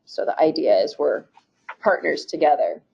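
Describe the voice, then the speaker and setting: Through muffled, dull webinar audio, a state agency woman with a deep, husky voice and vocal fry reads program goals from her slides at normal speed. Her delivery is steady and formal, though she sometimes restarts.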